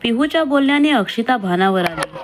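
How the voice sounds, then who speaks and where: A woman reading a family love story aloud, voicing each character in her own voice with dialogue pitched a little higher. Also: animated, fairly quick. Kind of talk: scripted story narration.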